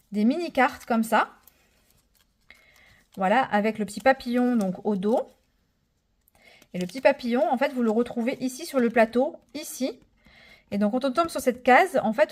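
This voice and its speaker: A woman in her thirties chatting casually through a budgeting vlog, full of fillers, enthusiastic and counting money out loud. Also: a little high, slight background noise. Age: 30s. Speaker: budget vlogger.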